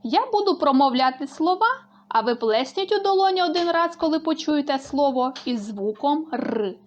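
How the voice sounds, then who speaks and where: A woman speech therapist leading a lesson with slow, clearly articulated sound drills. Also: high voice, expressive, highs cut off.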